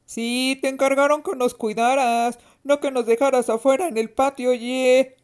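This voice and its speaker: A woman's voice: high-pitched, fairly even intonation, normal speed, darkish tone, pitched above the performer's own voice, natural voice. A woman voicing an angry, defiant boy who threatens his older sister, in a told story. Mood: indignant. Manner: threatening, indignant.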